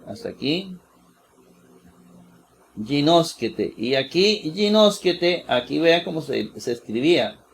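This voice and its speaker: Slow, deliberate man teaching word by word. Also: fairly high pitch, big pitch swings, gravelly. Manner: slow and deliberate, repeats each word several times; asks "¿verdad?" to check listeners follow. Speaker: Bible teacher. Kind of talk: slow screen-share lesson.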